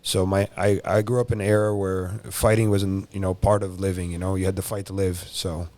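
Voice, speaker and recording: Guest: man in his thirties, raised in South Florida, low, dry close-mic sound, loose chatty delivery. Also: flat delivery, brisk, darkish tone, no room sound. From Brazil, raised in South Florida. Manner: rambling, frequent "you know" and "uh" fillers. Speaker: guest, jiu-jitsu competitor and coach. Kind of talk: casual interview chat.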